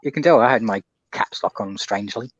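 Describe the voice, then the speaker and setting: A man's voice: lowish voice, brisk, husky, dry recording. A man co-hosting a live stream, cheerfully greeting chat and laughing often. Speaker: co-host of a watch-along stream. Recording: dry, muffled lo-fi audio.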